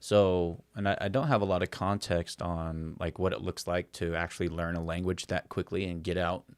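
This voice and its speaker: A man co-hosts a podcast, talking in a relaxed, reflective way and leaning on casual fillers. His voice is very deep. The recording is dry and close-miked. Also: normal speed, smooth, no room sound. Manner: easygoing and reflective, many fillers like "you know" and "like". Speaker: podcast co-host. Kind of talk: casual conversation.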